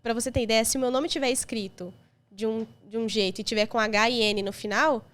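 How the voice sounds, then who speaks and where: A young Brazilian woman with a Brazilian Portuguese accent, a podcast guest telling personal stories in an emotional, lively way. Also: fairly high pitch, brisk. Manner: emotional, lively storytelling with quoted voices. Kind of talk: casual chat.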